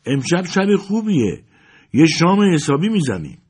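A man's voice: lowish voice, very animated, darkish tone, husky, full character voice. A man reading the part of a guarded, wistful farm wife in a story, asking short, clipped questions.

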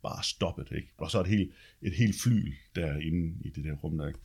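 A deep-voiced man with a bass register tells his life story in a casual, chatty way, tagging sentences with quick check-ins and swearing now and then. His voice carries vocal fry and a darkish, slightly rough tone.

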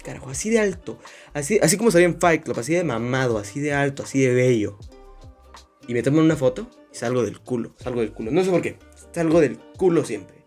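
A man's voice: medium pitch, a little mellow. A young man hosting a podcast as a rambling, self-mocking casual monologue full of crude slang. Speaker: podcast host.

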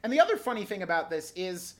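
A woman co-hosting a casual anime recap podcast, animated and mock-indignant, laughing often and swearing freely. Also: lowish voice, quick pace. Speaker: podcast co-host.

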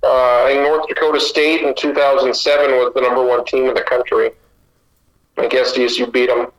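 A man's voice: mid-range voice, level tone, a little fast, poor audio. A man co-hosting a sports podcast, giving opinionated takes in long runs of casual chat. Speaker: podcast co-host.

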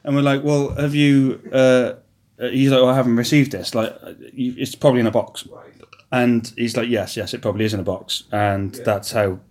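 Relaxed man chatting. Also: mid-range voice, moderate pace. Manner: relaxed, chatty, hesitant with many ums. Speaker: record shop owner and podcast co-host. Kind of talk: casual chat.

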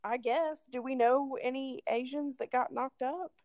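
A young married woman co-hosting a casual podcast, easygoing and quick to giggle. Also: high voice, fairly even intonation, a little mellow, no room sound, highs cut off. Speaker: podcast co-host.

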